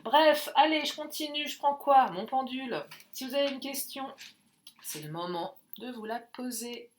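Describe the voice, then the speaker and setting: A woman's voice: sits high, normal speed, a little hiss or hum. A woman doing a casual card reading, chatty and jokey, thinking aloud with many fillers. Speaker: tarot and oracle card reader.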